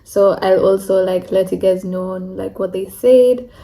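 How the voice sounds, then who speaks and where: A woman's voice: mid-range voice, fairly even intonation, a little slow, dark tone, rough recording. A young woman from Kenya, talking candidly in a casual vlog, with lots of "like" and "you know". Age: young adult. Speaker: international student vlogger.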